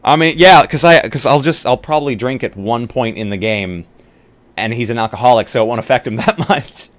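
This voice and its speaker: Speaking fairly fast at a medium pitch, a tabletop roleplay streamer and player thinks out loud as he builds a game character during a casual livestream. His banter includes some swearing, and clear background noise runs underneath.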